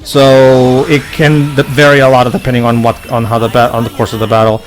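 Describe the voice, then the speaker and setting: A man's voice: mid-range voice, flat delivery, a little fast, low-quality recording. A man giving casual let's play commentary, stammering and repeating words as he explains the game. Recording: game music playing behind.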